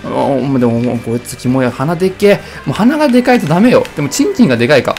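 A young man doing casual let's-play commentary, rambling and joking while reacting loudly to the race. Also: mid-range voice, very animated, racing, gravelly, faint music behind. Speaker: gameplay commentator.

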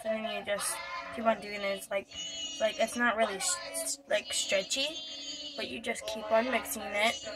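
A woman's voice: medium pitch, moderate pace, loud music behind the voice, rough recording. A woman vlogger talking casually to her camera, rambling with lots of fillers and restarts. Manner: rambling, filler-heavy with many likes and restarts.

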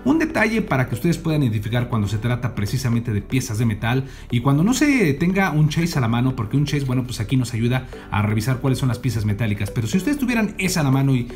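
Guy doing a showy unboxing vid at his desk, middle pitch, music playing behind. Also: quick pace, few pauses. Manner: showman flourishes, lively exclamations. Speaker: diecast collector channel host. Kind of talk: casual unboxing review. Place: indoor desk, office.

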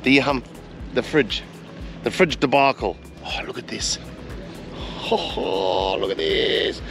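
An Australian man in his forties talks casually to his handheld camera as a travel vlogger. His voice sits at a middle pitch and his delivery is laid-back, colloquial and rambling. Music plays clearly behind him. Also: lively intonation, slow pace. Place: outdoors on a beach, some talk in a car. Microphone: handheld action camera at arm's length.

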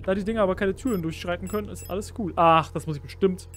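Speaking fast in a high voice with faint music behind him, this let's play gamer chats casually through a horror game. He startles easily, squealing at the on-screen enemies and begging them to leave him alone.

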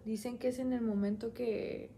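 A woman's voice: on the high side, steady tone, normal speed, dark tone, a little hiss or hum. A young woman, chatting and rambling as she tells a personal story on her vlog. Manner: chatty, rambling, quoting herself often. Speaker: vlogger.

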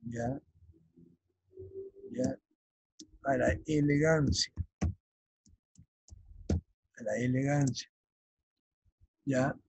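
A male teacher explaining vocabulary for an exam, often checking in with his students and slowly dictating key terms. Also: medium pitch, steady tone, gravelly, slightly rough, no room sound, poor audio. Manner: checks understanding with frequent "ya?". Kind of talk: vocabulary lesson for exam prep.

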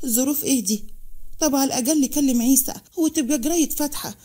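A woman's voice: high-pitched, quick pace, warm tone, voice pushed up, lightly acted. A woman voicing a heartbroken young woman with an Egyptian accent, speaking in a pleading way. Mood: sad, pleading. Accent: Egyptian Arabic.

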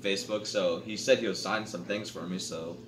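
A man's voice: sits low, steady tone, moderate pace, a bit bright. A man co-hosting a casual vlog, giving brief, laid-back replies. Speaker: co-host. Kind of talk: casual chat. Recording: echoey room with faint noise.

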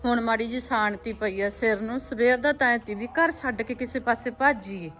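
High-pitched Punjabi woman, chatty home vlogger. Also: normal speed, fairly bright tone. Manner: homely, chatty, running commentary on chores. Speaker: family vlogger. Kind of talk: casual household vlog chat.

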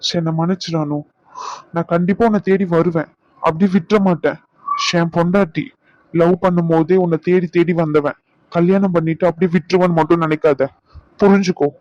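Gentle, remorseful cartoon husband, voiced by a man; fairly high, muffled dry recording. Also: steady tone, fairly quick, dry recording, lightly acted. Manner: soft, reassuring.

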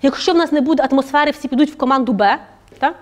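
A woman speaker giving a lively conversational lecture at a workshop, often checking in with her audience through tag questions. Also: sits high, rapid-fire. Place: office event room.

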